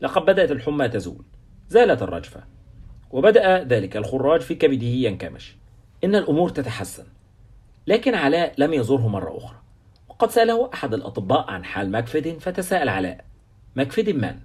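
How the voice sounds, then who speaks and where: A man narrating a novel at a fast clip with a husky voice. He reads in a steady, scripted storytelling manner. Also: mid-range voice. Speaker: audiobook narrator.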